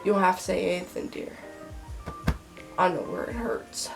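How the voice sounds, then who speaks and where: A woman's voice: lowish voice, moderate pace, gravelly, soft background music, low-quality recording. A congested woman with a head cold acting out a gushing, clueless, pitying acquaintance in an overdramatic way.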